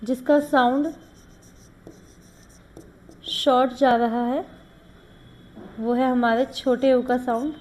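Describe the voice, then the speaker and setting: A woman's voice: high-pitched, steady tone, slow pace, pauses often, darkish tone, a little hiss or hum. A woman teaching shorthand, explaining rules step by step and mixing English terms into Hindi. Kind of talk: classroom lesson.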